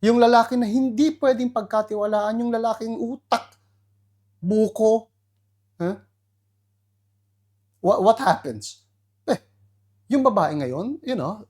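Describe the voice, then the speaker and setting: A male pastor with a Filipino accent preaching. He talks in an animated way, with sudden high, emphatic jumps and quiet asides, and mixes English phrases into his talk. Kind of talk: preaching to an online audience.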